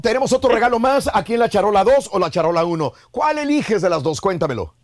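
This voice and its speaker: A man hosting a morning radio show, energetic and playful, often repeating his words. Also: high-pitched, quick pace, dry recording, studio quality.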